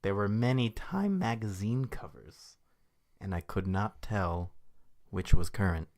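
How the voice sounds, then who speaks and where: A man co-hosting a comedy podcast, narrating an improvised story in a deadpan way. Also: fairly low pitch, a little slow.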